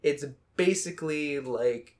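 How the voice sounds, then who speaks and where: A man's voice: fairly high pitch, slow pace. A man in his thirties with a Boston accent, co-hosting a casual podcast chat, rambling and joking with sudden exasperated outbursts. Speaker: podcast co-host.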